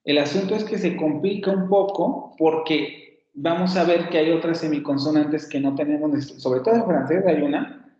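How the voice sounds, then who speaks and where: A man's voice: a little high, warm tone. Man lecturing in a roomy, muffled sound. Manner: explanatory, digressive, repeats example words slowly. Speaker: university phonetics professor. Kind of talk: online class lecture.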